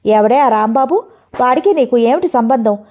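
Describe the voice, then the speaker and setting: An enraged elder brother hurls accusations in a storybook reading, as a woman narrator puts him on. The voice sits higher than a man's and stays mellow and soft. It sounds like a woman's own voice with the anger carried by the words. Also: animated, normal speed. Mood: angry. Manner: scolding, accusing. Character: angry young man, the narrator's elder brother.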